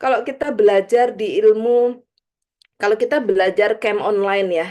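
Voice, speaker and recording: A woman's voice: mid-range voice, steady tone, normal speed, warm tone. A woman giving a live spiritual study talk in a chatty way, laughing often and tagging her points with little asides. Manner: chatty, laughs often, frequent "gitu ya" tags; acts out examples in quoted voices. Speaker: spiritual teacher.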